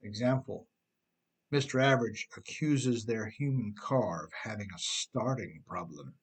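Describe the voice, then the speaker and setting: A man narrates his own self-help book in a wry, conversational audiobook style, with frequent asides and rhetorical questions aimed straight at the listener. His voice is fairly low, breathy at the edges, and measured in pace.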